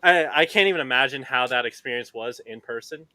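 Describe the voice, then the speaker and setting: A young man chats as a podcast guest, cursing casually and breaking into laughter while he tells a story. His voice is bright and forward. The sound is dry and close. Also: medium pitch, fairly quick, dry recording.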